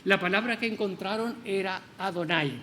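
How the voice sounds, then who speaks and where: A man's voice: high-pitched, normal speed, pushed and bright, slight background noise. Man preaching a sermon with rhetorical questions. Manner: explanatory, stresses words with rhetorical questions. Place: church.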